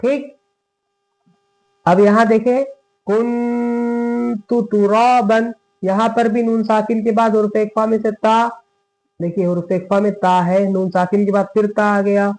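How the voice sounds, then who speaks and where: A man's voice: high voice, fairly even intonation, moderate pace, a little mellow, low-quality recording. A man teaching Quran tajweed in a patient spoken lesson, repeating each point and often checking in with his students. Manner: patient, repeats points with frequent "theek hai". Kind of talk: slow spoken lesson with recitation examples.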